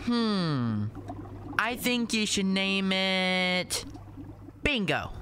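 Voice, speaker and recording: An actor uses a full character voice to play an earnest, curious, stubborn little boy in a radio play, giving blunt, literal, childlike answers. His medium-pitched voice is very animated, bright, and forceful, yet very slow, with an eager mood. Noisy outdoor ambience and boat sounds play behind him.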